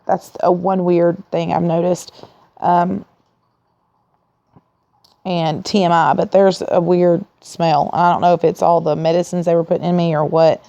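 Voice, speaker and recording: A woman who sounds tired and weak after surgery, talking in a candid, rambling, low-energy way in a casual video diary, with a gravelly, creaky voice. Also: flat delivery, normal speed, warm tone. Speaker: vlogger sharing surgery recovery. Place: at home in a recliner. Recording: dull, lo-fi sound.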